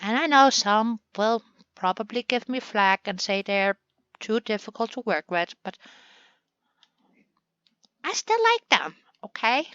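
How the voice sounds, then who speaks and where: A woman's voice: fairly high pitch, moderate pace, a bit bright, clear, resonant tone, no room sound, dull audio. A woman hosting a gaming channel, chatting through a building session in a playful way and talking to the game pieces as she works.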